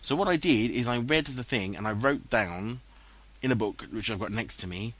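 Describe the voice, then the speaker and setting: A man's voice: medium pitch, lively intonation, normal speed, a bit bright. A man with an English accent, giving casual, self-mocking commentary over his own gameplay footage. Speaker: let's play commentator. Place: home room, voice-over recorded later. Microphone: headset, dubbed in post-production.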